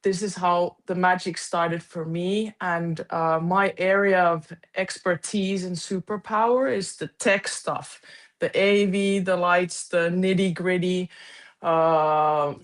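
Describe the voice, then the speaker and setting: Lady on a video call, slow and unhurried, stops and restarts a lot while looking for words. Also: fairly low pitch, steady tone. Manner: hesitant, searching for words with many restarts. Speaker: conference events board member. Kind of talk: casual video-call chat.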